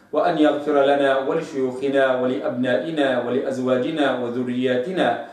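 A man teaching Quran recitation rules, slowly sounding out each example word. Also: medium pitch, darkish tone. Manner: slow demonstrative pronunciation of examples. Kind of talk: tajweed lesson with recited examples. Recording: very echoey room, mic at a distance.

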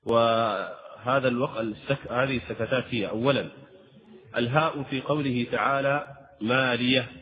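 A man's voice: medium pitch, long reverb tail. Man teaching Quran recitation rules. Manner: measured explaining, breaks into slow melodic recitation. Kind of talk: tajweed lesson with chanted examples. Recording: slightly dull lo-fi sound.

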